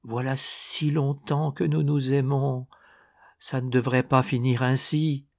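A man's voice: mid-range voice, slow, dry recording, clean studio sound, lightly acted. A man reading aloud, voicing an aging woman who pleads desperately and falters through tears. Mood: tearful. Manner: breathless, faltering pleas.

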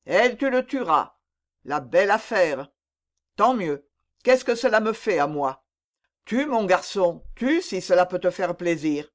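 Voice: medium pitch, very animated, measured pace. A reader voicing a seasoned older musketeer captain, blunt and mocking, in an audiobook reading of a classic novel. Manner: teasing, blunt, worldly.

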